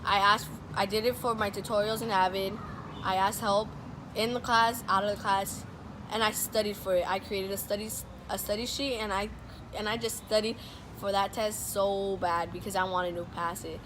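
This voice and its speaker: A woman's voice: medium pitch, steady tone, normal speed. Young student woman, distant noisy recording. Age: teenage to young adult student. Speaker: student giving a talk. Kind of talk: informal personal speech to an audience. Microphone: distant microphone. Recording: distant mic, clearly noisy urban background.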